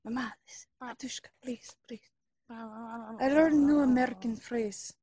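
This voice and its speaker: A woman's voice: a little high, measured pace, mellow, natural voice. A woman playing a self-styled fake Russian spy in a comedy sketch, speaking broken English in a put-on Russian accent, whispering conspiratorially and pleading with her mother on the phone.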